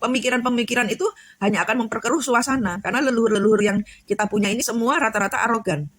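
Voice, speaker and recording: A woman's voice: on the high side, rapid-fire, fairly bright tone. A woman giving a spiritual coaching talk, rambling with many fillers and restarts. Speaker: tarot reader and spiritual coach. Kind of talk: casual spiritual chat.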